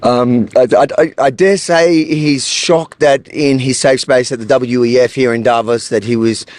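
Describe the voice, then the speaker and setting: An Australian man with an Australian accent works as a street reporter outdoors, bluntly and confrontationally ambushing people with questions, then wrapping up with commentary. His medium-pitched voice is steady, a little slow and darkish, with no echo.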